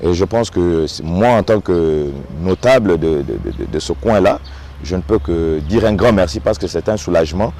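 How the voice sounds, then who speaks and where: A man's voice: sits low, normal speed, dark tone. A man with a Congolese French accent, a local notable, speaking earnestly in an interview and often repeating small words as he searches for the next one. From Democratic Republic of the Congo. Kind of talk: on-site interview, political commentary.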